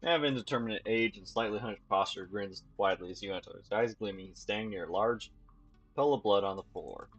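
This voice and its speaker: A man's voice: lowish voice, fast, fairly bright tone, breathy edge, muffled recording, faint music behind. A man reading a video game's text aloud as a let's play host, stumbling and restarting now and then. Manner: plain reading with slips and restarts.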